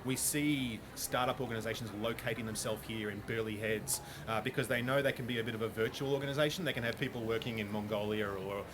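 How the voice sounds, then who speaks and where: A man's voice: mid-range voice, fast, hardly any pauses. A man answering interview questions about business in a thoughtful, enthusiastic way. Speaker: business guest expert. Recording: noisy background ambience.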